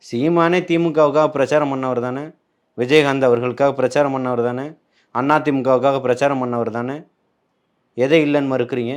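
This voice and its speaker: A man's voice: medium pitch, fairly even intonation, a little fast. A man, speaking as a party spokesman in a heated political interview, combative and full of rhetorical questions.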